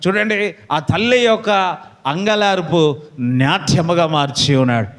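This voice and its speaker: Man, pastor, fervent sermon, repeated hallelujahs, high voice, echoing church hall. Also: a little slow, a bit bright. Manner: fervent preaching, repeated calls of amen and hallelujah. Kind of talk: Telugu sermon to a congregation.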